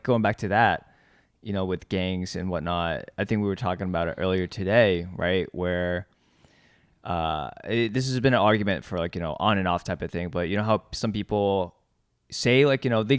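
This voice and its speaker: A man from the US East Coast hosting a podcast, chatting casually and asking questions in a halting way, often repeating words. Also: sits low, clear, resonant tone, dry recording, clean studio sound. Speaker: podcast host. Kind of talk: casual chat.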